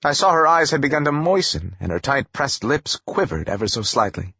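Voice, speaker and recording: A man narrating a first-person audiobook in a wry, expressive storytelling manner. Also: mid-range voice, a little fast, slightly rough, no room sound, lo-fi sound.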